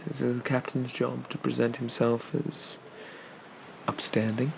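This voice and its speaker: Man playing a slow, gravelly flirty pirate captain, ASMR role-play. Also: mid-range voice, flat delivery, noisy background. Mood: teasing, courting. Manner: leisurely, teasing, roguish, murmured asides. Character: flirty, teasing gentlemanly male pirate captain.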